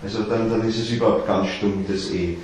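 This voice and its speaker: A man giving an explanatory lecture to a small group, often halting and repeating words as he explains. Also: fairly low pitch, fairly even intonation, a little mellow, a little hiss or hum. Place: lecture room with listeners. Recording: very echoey room.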